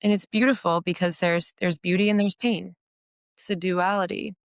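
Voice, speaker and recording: A woman hosting a podcast, gentle and affirming in a supportive spiritual conversation. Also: lowish voice, fairly even intonation, normal speed, vocal fry, no echo, clean studio sound. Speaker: podcast host.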